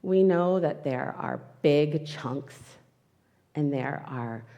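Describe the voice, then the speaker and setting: The audio is dull and carries the long echo of a spiritual centre hall, where a woman guest speaker livestreams a heartfelt, candid inspirational talk about her own life. She talks slowly into the microphone in front of her, her deep, mellow voice marked by vocal fry.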